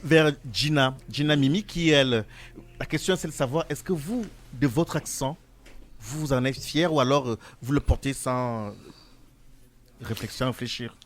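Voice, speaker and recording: Formal man hosting a radio talk show. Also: mid-range voice. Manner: formal, measured questioning. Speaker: radio host. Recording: radio studio.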